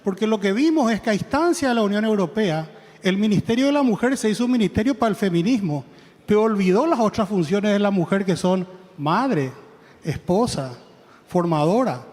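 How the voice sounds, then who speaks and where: A high-pitched male voice carries through a large hall with long reverb. He speaks as a politician on a panel, driving his points home with emphatic, rhetorical phrasing. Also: animated, normal speed, darkish tone. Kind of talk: political speech at a conference panel.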